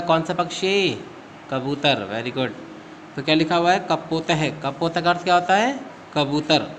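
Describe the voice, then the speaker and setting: A man's voice: fairly high pitch, a bit bright, slight background noise. A male school teacher giving a recorded class lesson, patiently asking questions and answering them himself. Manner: addresses students as beta.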